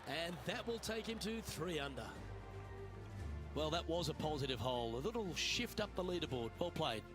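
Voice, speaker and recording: A man's voice: fairly high pitch, lively intonation, normal speed, music in the background, close to an everyday voice. A man giving polished broadcast play-by-play commentary in a golf video game. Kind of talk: sports commentary.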